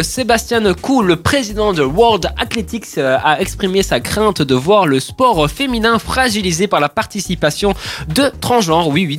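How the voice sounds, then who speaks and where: A man hosting a casual radio show, joking with his co-hosts and reading sports news. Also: sits high. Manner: jokey, teasing, animated.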